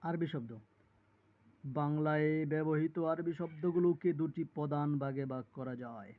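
Male tutor, somewhat high voice, reads word lists for exam prep. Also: phone-quality sound. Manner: reads lists of words slowly, with small self-corrections. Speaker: teacher. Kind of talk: reading and explaining a word list for exam study.

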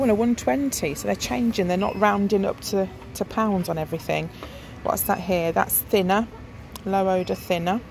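A middle-aged shopping vlogger with a creaky, mid-range voice chats casually as she films the aisles of a large discount shop on her phone. She thinks aloud with plenty of ums, against noisy shop ambience.

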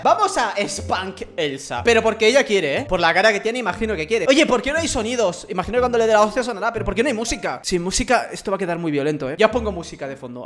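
Lively, joking Spanish gamer commentator. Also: medium pitch. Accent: Spain Spanish. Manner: animated, jokey, swings between shouts and mutters. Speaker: gaming YouTuber. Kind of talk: comedic let's-play commentary.

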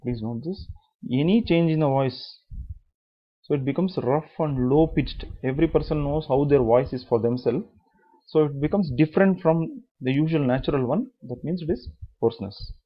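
A man's voice: a little high, normal speed, slightly rough, dull audio. A man giving a medical lecture, explaining step by step, repeating key terms and asking then answering his own questions.

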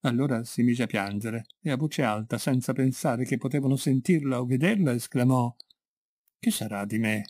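A man with an Italian accent reading a classic short story in a measured, expressive way. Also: mid-range voice, no room sound. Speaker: narrator. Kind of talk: literary audiobook reading.

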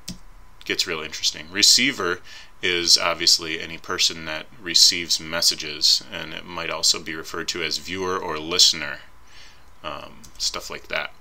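Very low-voiced, bright-toned male instructor. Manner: informal, thinking aloud with fillers and self-corrections. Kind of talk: recorded slide lecture. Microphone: voice-over on slides.

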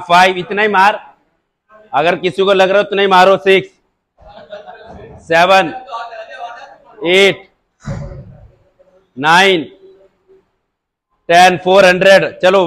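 A man working as a gym trainer, counting squat reps with short urging shouts, his throat dry from counting. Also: high-pitched, rough recording. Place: indoor gym.

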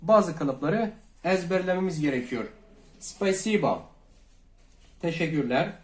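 A man from Turkey teaching a language lesson, calmly repeating each phrase twice and speaking to viewers as friends. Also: a little high, unhurried, echoey room. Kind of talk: slow Russian lesson for Turkish learners.

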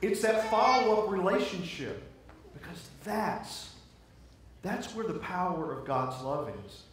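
A man with a high voice preaches a sermon, earnest and conversational, leaning on repetition to drive each point home. The sound comes from a distance in a big, strongly echoing church, with a faint hiss behind it. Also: lively intonation, unhurried. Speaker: pastor. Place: church sanctuary. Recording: very echoey church, heard from a distance.

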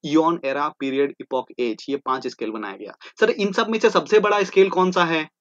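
Male teacher, fairly high voice, repetitive drilling, dry muffled lo-fi sound. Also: normal speed, dry recording. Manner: repetitive, drilling terms, asking and answering his own questions. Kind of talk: exam-prep lecture. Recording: dull lo-fi sound.

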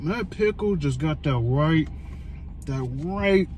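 A man's voice: fairly high pitch, slow pace, slight background noise. Man licking his fingers mid-sentence. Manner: relaxed, chatty, talks while eating. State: licking fingers while talking. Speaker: food reviewer. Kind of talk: casual food review vlog. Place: parked car.

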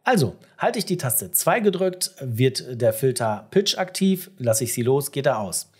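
A husky-voiced, middle-aged tutorial presenter takes the viewer through software one step at a time, unhurried. His pitch rises and falls in a lively way as he explains and speaks straight to the listener.

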